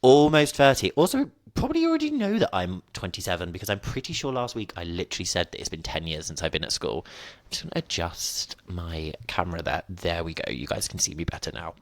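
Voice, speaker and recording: At home, a man in his twenties hosts a solo podcast, rambling casually and poking fun at himself while sniffling throughout. His very low voice has a brisk, sing-song lilt, recorded close and dry with no room sound at all.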